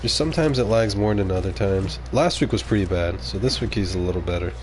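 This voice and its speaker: A man whose first language is French talks quickly in a low, slightly mellow voice as he plays on a live stream, with slight background noise present. His gameplay commentary is casual, full of out-loud reactions and muttered asides to viewers.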